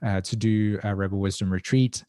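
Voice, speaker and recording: Fairly low in pitch and mellow, this South African-accented man speaks a little fast with fairly even intonation. As an evolutionary astrologer being interviewed, he's reflective, earnest, and introspective, frequently hunting for words. The recording is dry and clean, studio quality.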